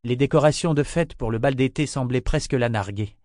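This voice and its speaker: A man narrates an audiobook in a steady, measured voice of middle pitch. The recording is dry and close, with no room sound around him. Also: no echo. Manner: even, measured reading. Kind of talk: scripted narration.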